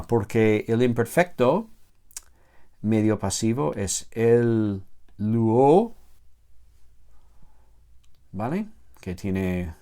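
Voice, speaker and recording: A man teaching a grammar lecture, slow and halting, with many self-corrections and filler sounds, drawing out the word forms he spells. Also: fairly low pitch, mellow. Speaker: theology teacher.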